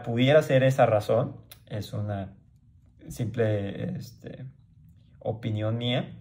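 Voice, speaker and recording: A man's voice: medium pitch, a little mellow. Man giving a conversational Bible study. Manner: conversational, frequent "¿sí?" checks, restarts; acts out crowd voices in quoted lines. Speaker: Bible teacher. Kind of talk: informal Bible teaching.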